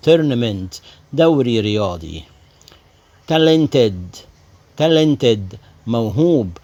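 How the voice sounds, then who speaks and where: A male teacher with an Egyptian Arabic accent giving an English lesson, who says each word twice and then translates it. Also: medium pitch. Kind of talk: vocabulary and grammar lesson.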